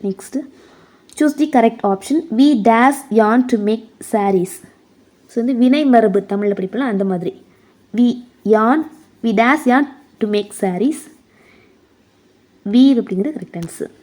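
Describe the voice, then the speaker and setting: A woman with a Tamil accent teaching an exam prep lesson, reading English questions slowly and explaining them in quick Tamil. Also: on the high side, darkish tone.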